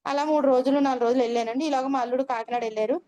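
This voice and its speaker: This is an older woman sharing her own experience, and her voice sits high. She tells her story earnestly and personally, and she keeps closing her sentences politely. It sounds like a testimony spoken to listeners in a simple conversation. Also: fairly even intonation, racing, warm tone, muffled recording. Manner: earnest storytelling, frequent polite "andi" endings.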